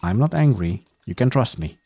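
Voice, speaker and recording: A man reading a calm, reassuring commander. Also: medium pitch, normal speed, gravelly, faint music behind. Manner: steady, reassuring.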